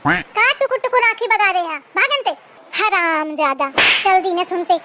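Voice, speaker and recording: A woman playing a scolding elderly village mother-in-law in a comic sketch, sharp and bossy. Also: very high voice, normal speed, background noise. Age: older.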